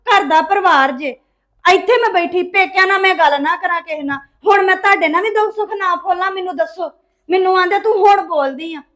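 A woman's voice: extremely high pitch, fairly quick, fairly bright tone. An actress playing a bitter young wife who complains about her mother-in-law in a domestic drama. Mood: aggrieved. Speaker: daughter-in-law. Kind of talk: domestic web drama acting.

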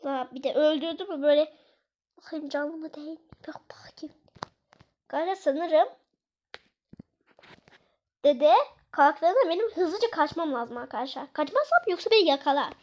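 Woman gamer, very high voice, chatty and excitable let's-play commentary. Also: normal speed, pauses often, muffled recording, a little hiss or hum. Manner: excitable, chatty, exclaiming, scolding the game aloud. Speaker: gaming video creator.

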